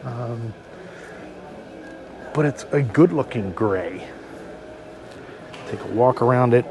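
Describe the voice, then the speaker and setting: A man giving a casual, unscripted car dealership walk-through as a vlogger, halting and thinking aloud as he looks around. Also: medium pitch. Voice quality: talking through a face mask indoors. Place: car dealership, showroom then outdoor lot. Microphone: microphone with a furry windscreen. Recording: handheld vlog with background ambient noise.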